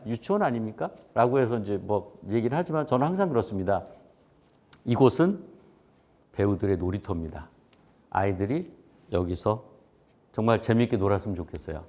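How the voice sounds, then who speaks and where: A man in his fifties, an actor and acting teacher, telling his personal story in an expressive talk. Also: on the low side. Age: 50s. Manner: expressive, acts out quoted voices.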